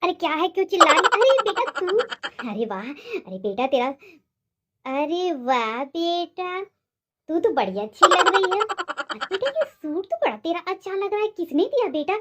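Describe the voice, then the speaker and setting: A woman's voice: extremely high pitch, sing-song, moderate pace, heavy background noise. A woman playing a nagging middle-aged mother-in-law who scolds her daughter-in-law and spoils her own daughter, in a comedy skit. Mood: doting. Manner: bossy, scolding. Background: background music.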